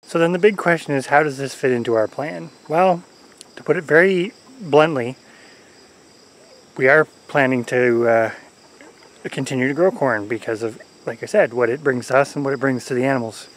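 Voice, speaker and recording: This forty-something homesteader speaks at a moderate pace and medium pitch while filming himself outdoors among his corn. His relaxed, meandering talk is full of fillers and chuckles, and the arm's-length camera mic yields a rough recording backed by faint insects and crickets.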